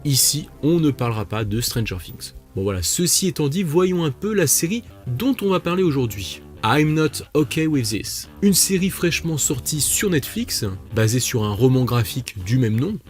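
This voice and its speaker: A man's voice: mid-range voice, sing-song, moderate pace. Guy doing a chatty self-mocking series review, medium voice, bit of music in the back. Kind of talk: casual video review.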